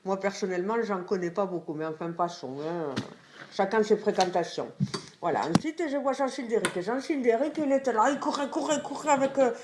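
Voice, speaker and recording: A woman's voice: mid-range voice, a little fast, background noise. Chatty woman hosting a comedy sketch. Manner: chatty, hesitant with many fillers, mock-earnest. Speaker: comic reporter presenting a survey.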